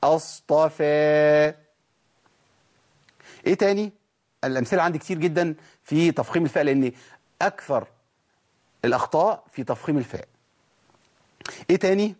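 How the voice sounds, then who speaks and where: A man with an Egyptian accent teaching Quran recitation, explaining patiently and demonstrating sounds slowly. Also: on the high side, lively intonation, a little mellow. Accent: Egyptian Arabic. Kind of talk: recitation lesson.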